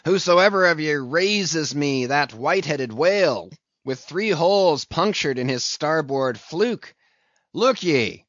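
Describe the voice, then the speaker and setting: A man's voice: mid-range voice, slow pace, fairly bright tone, no echo, muffled recording. A man voicing a fierce, obsessed old whaling captain in an audiobook, bellowing in declamatory, archaic seafaring speech. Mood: rousing, commanding.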